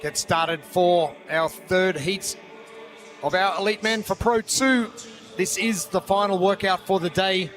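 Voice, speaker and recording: A man anchors live sports commentary in a high-pitched voice. Music plays faintly behind him as he presents the competition. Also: measured pace, a bit bright.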